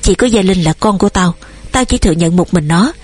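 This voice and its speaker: A woman voicing an old father who shouts and trembles with rage, with a husky voice. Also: on the low side, brisk. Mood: furious. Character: old father, furious and failing.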